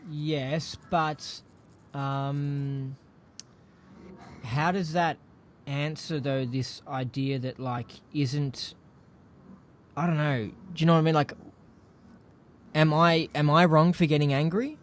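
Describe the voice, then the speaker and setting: A man's voice: fairly high pitch, steady tone, slow pace, long pauses, a little hiss or hum. A man co-hosting a podcast, rambling and restarting himself as he asks his questions. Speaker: podcast co-host. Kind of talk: casual podcast discussion.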